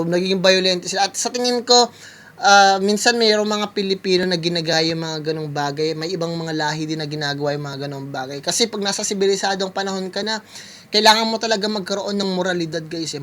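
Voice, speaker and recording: Bright-voiced man rambling to viewers. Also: high voice, fairly even intonation, fairly quick. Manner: rambling, full of fillers, keeps addressing viewers as guys. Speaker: music producer reacting to a video. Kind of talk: casual reaction commentary. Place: California.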